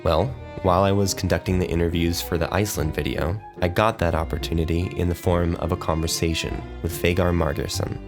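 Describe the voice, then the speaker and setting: Guy hosting a podcast, really low voice, laid back, music playing under him. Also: flat delivery, a little fast, hardly any pauses. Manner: easygoing, conversational. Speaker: podcast host and interviewer. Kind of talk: scripted intro narration then casual interview.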